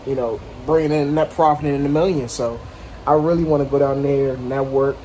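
A man's voice: mid-range voice, steady tone, moderate pace, dark tone. Dude rambling to his camera outside a house about his junk hauling biz, lots of slang, mid voice, bit of background noise. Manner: loose and rambling, full of fillers and slang. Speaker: junk removal business owner vlogging. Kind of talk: casual vlog talk to camera. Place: outdoors at a house.

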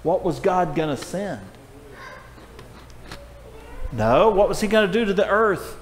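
In a church auditorium, an older man leads a children's Bible class, friendly and encouraging as he calls on each child by name. His voice is high-pitched and animated at a normal speed, captured from a far camera with hall echo and faint noise.

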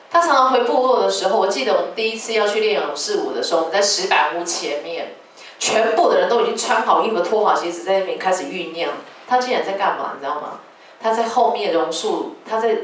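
A woman who directs a dance company gives a public talk, telling stories in a lively, animated way. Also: mid-range voice. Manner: lively storytelling, animated retellings of quarrels. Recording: echoey hall from far off, faint noise.

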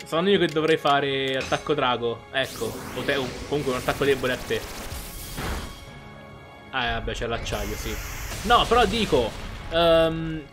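A man gives casual gameplay commentary as the host of a gaming video. His voice is of average pitch, and game music plays clearly behind it. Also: moderate pace.

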